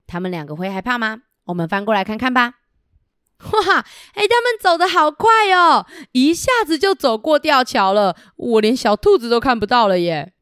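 A woman's voice: on the high side, lively intonation, fairly quick, few pauses, clear, resonant tone, no room sound, studio quality. A woman with a Taiwanese Mandarin accent telling a picture-book story as if reading to a toddler, putting questions to the children.

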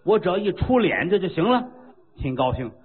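A man voicing a boastful, befuddled male monk, muttering to himself in a low, quiet voice in a storytelling performance. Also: very animated, brisk, slightly rough, phone-quality sound, heavily acted. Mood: smug.

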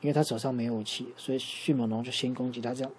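A man improvising a bedtime story for a child, lively and asking the listener questions along the way. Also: mid-range voice, rapid-fire, a little hiss or hum.

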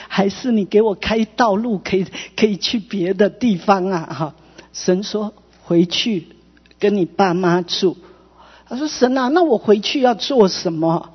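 A woman pastor preaching a sermon with Taiwanese Mandarin accent, telling a story animatedly and often adding a soft "哈". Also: medium pitch, husky. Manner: frequent filler "哈", animated storytelling with quoted voices. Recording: dull lo-fi, long hall reverb.

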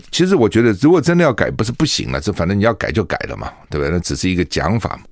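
Guy hosting radio, very low voice, swings up and down a lot, dry close sound. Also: no room sound. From Taiwan. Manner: argumentative, keeps asking rhetorical questions. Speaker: radio talk show host. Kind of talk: opinionated radio commentary. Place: radio studio.

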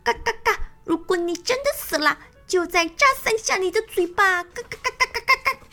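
A woman's voice: extremely high pitch, expressive, normal speed, sharp tone, faint music behind, voice pushed up, heavily acted. A woman voicing a sly mother guinea fowl in a children's audio story, squawking between her words. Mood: teasing.

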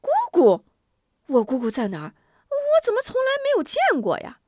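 Woman doing a bright-voiced young boy for a storybook, high and quick, tumbling questions. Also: big pitch swings, no room sound, clean studio sound. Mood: eager. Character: eager young boy, anxious and curious.

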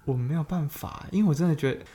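A woman's voice: sits low, fast talker, dark tone. A young woman, co-hosting a casual podcast chat with frank, playful replies. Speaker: podcast co-host.

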